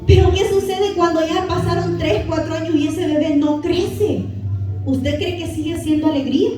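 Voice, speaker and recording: A woman preacher with a high, mellow voice gives a storytelling sermon and calls out to her listeners as brothers. She sounds distant from the mic in a very echoey church hall. Soft music plays in the background. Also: moderate pace. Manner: storytelling, addresses congregation as brothers. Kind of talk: Spanish-language sermon. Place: church sanctuary.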